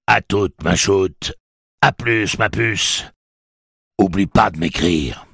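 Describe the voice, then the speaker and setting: Villain voice: a taunting robot train read by a male narrator, husky and dry. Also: low voice, lively intonation, slow, a bit bright, no room sound, pitched above the performer's own voice, full character voice. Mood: mocking. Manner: mocking, cold and toying. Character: booming cruel talking monorail machine.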